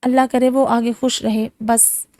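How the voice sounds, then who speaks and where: A woman's voice: on the high side, level tone, dark tone, no room sound, clean studio sound, lightly acted. A woman voicing a curt, troubled young man. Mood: bitter. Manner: curt, bitter. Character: irritable troubled young husband.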